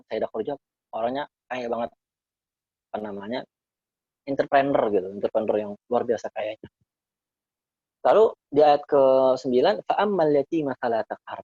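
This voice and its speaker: A man gives a conversational Quran lesson and unpacks Arabic verses line by line, often repeating himself for emphasis. His voice is somewhat husky and sits dry and close. The recording is slightly dull and lo-fi. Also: mid-range voice, brisk, long pauses, dry recording. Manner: explains Arabic verses phrase by phrase, repeating key words; addresses listeners as friends, relaxed and conversational. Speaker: Islamic teacher. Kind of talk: casual Quran study talk.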